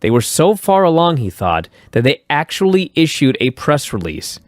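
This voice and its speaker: A man hosting a podcast, recapping old wrestling shows in a profane, animated way and acting out quotes. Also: a little high, normal speed, dry recording, clean studio sound. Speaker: podcast host.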